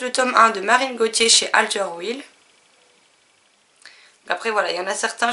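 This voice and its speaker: Woman going through her book haul, bright clear voice, lots of little fillers. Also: on the high side. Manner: chatty, lists titles with frequent fillers. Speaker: book vlogger. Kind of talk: casual book haul chat.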